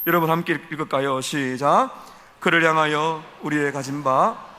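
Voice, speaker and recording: Bright high-voiced Korean pastor preaching. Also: male voice, steady tone, normal speed, in a large hall. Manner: earnest preaching with acted-out prayers. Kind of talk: sermon.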